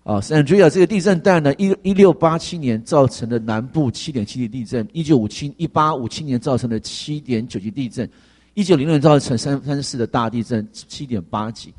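A man's voice: medium pitch, brisk, a little mellow. A man preaching a sermon, telling a story and asking the congregation rhetorical questions, with frequent fillers.

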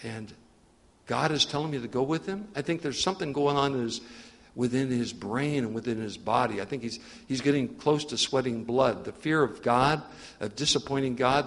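Husky preacher in a reverberant hall. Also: male voice, medium pitch, a little fast, a bit bright. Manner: reads scripture, then acts it out with asides. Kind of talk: sermon with scripture reading.

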